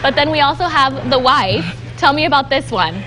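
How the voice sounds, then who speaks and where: A woman's voice: high voice, lively intonation, moderate pace, pushed and bright, faint music behind, rough recording. A woman hosting an upbeat TV interview in a studio, chatty and playful. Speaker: TV host.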